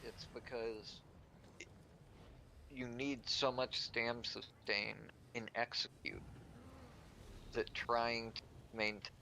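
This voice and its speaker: A man's voice: mid-range voice, flat delivery, slow pace, long pauses, sharp tone, a little hiss or hum, low-quality recording. A man leading a game raid over online voice chat, explaining builds in bursts while his connection drops out. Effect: online voice chat cutting out. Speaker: raid leader. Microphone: headset over online voice chat.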